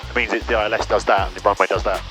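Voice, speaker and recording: Man, instructing pilot, cockpit intercom, rapid casual chat, lowish pitch. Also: steady tone, over music. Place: small aircraft cockpit in flight. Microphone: cockpit intercom headset.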